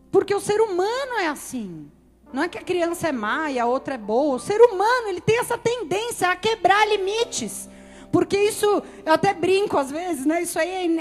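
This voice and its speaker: Woman pastor, very high-pitched, chatty preaching that slips into quoted voices, soft music underneath. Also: long reverb tail. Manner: conversational preaching, acts out quoted people. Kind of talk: sermon.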